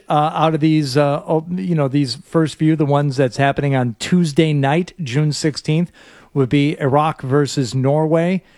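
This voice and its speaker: A man co-hosting a casual sports talk show, reading out ticket prices with many pauses and restarts. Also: on the high side, darkish tone, no echo, clean studio sound. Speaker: sports radio host.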